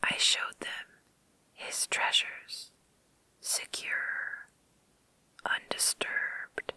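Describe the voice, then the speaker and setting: Creepy, very slow whispering woman. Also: bright, forceful tone, dry recording, rough recording. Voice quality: unvoiced breathy whisper. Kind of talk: whispered ASMR story reading. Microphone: close microphone.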